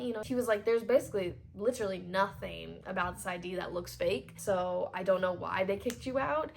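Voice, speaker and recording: A woman in her twenties telling a storytime vlog, chatty and animated, full of fillers, acting out what people said. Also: mid-range voice, creaky, a little hiss or hum. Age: 20s. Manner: chatty and animated, lots of "like", voices quoted people. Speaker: vlogger. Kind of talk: storytime vlog, casual retelling.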